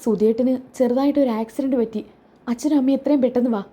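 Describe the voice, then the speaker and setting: A nervous young man stumbles over his words with halting starts, as a woman plays him. His voice comes out soft and mellow, pitched rather high. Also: steady tone, husky. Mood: hesitant. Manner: hesitant, stammering. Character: nervous young man breaking bad news.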